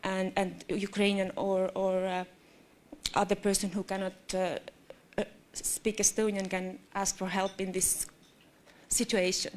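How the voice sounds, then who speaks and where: A woman gives a statement on a conference panel about public employment services. She speaks haltingly, with many restarts and fillers. Her pitch stays flat and even. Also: a little hiss or hum.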